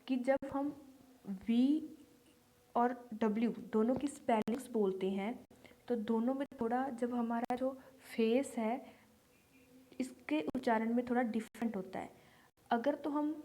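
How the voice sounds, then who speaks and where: A woman gives a slow, patient phonics lesson. She sits a little high in pitch and repeats each example word. Her pace stays unhurried throughout. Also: dark tone. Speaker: English teacher.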